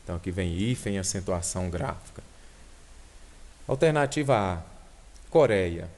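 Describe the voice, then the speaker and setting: A man's voice: deep voice, animated, normal speed, a little mellow. A man with a Brazilian Portuguese accent, teaching an online exam-prep lesson and explaining step by step while checking in with his students.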